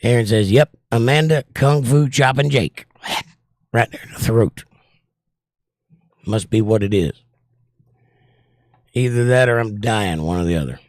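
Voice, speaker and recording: An older man hosting a livestream casually reads viewer comments aloud and answers them, his medium-pitched voice worn from years of trouble. He speaks a little slowly and pauses often, in a studio-quality recording with no room sound.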